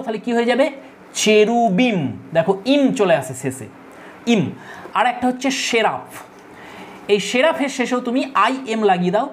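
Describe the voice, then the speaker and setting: A woman teaching an English grammar class. She speaks patiently, spelling words out letter by letter and asking the students questions. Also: medium pitch. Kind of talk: classroom lesson.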